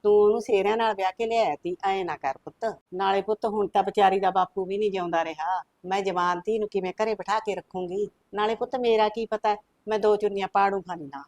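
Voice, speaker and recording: An older woman playing a worried village mother who pleads gently with her family. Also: medium pitch, steady tone, fast talker, few pauses, no echo, close to an everyday voice. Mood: pleading. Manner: soft coaxing pleas, repeated "putt". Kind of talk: rural family drama acting.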